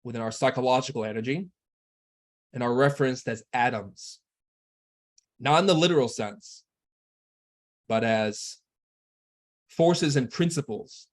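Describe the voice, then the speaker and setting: A man delivering a spiritual lecture in a measured, earnest instructional manner. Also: mid-range voice.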